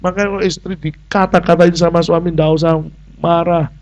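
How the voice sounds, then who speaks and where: A man's voice: fairly high pitch, fairly quick, dull audio. A man with a Javanese accent preaching a sermon as a pastor, humorous and acting out the people he quotes. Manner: animated, humorous, acts out quoted dialogue.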